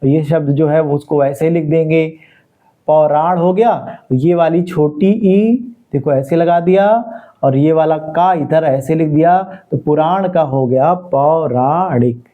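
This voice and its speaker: A man's voice: a little high, unhurried, narrow, tinny audio. A male teacher giving a Hindi grammar lesson to exam students, explaining step by step as he writes, and asking questions then answering them himself. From India. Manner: repetitive call-and-response questioning.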